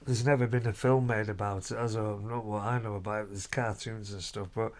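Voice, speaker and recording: Speaking from a hotel room, this man has a lowish voice with fairly even intonation and a brisk delivery. As a family vlog host reviewing an outing, he chats casually and keeps looking for agreement by ending remarks with tag questions.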